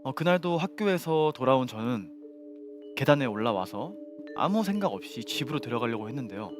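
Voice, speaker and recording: Young male co-host, mid-pitched, narrating spooky stories politely and evenly over music. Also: big pitch swings. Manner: polite, measured formal narration. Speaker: show co-host telling a ghost story. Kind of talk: spoken storytelling among friends. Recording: music behind the voice.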